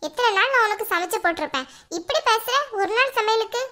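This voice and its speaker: A woman's voice: very high-pitched, animated, quick pace, pushed and bright, heavily acted. A woman voicing a young cartoon wife who argues and complains, with a Kanyakumari Tamil accent. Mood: aggrieved. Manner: pleading, complaining.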